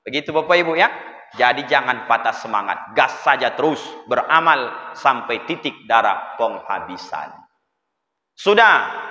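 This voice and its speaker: A high-pitched, bright-toned preacher delivers a humorous sermon, telling stories and addressing the congregation directly. His voice carries a long reverb through a mosque hall. The recording sounds dull and muffled. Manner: lively storytelling, addresses the audience directly. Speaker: Islamic preacher.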